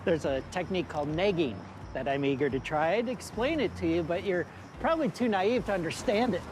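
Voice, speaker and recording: A man's voice: sits high, lively intonation, fairly quick, over music. An actor playing a smug, condescending male vampire in a TV comedy. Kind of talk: TV comedy acting.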